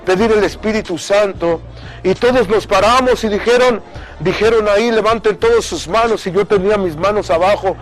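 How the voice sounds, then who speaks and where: A man's voice: high-pitched, moderate pace. A middle-aged man giving an emotional personal testimony in an earnest way, often repeating words for emphasis. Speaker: speaker giving a religious testimony.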